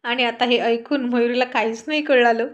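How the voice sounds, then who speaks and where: A woman narrating a serialized romantic story in a steady, intimate storytelling manner. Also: on the high side, moderate pace, muffled recording.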